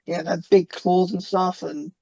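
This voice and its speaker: A man guesting on a podcast in casual chat, starting haltingly and then speaking fluently. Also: high-pitched, fairly even intonation, vocal fry, a little mellow. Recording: dull lo-fi audio.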